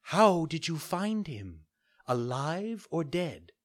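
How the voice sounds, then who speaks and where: A man voicing a kind, ancient fairy woman who gives gentle commands. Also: a little high, sing-song, takes it slowly, pitched above the performer's own voice.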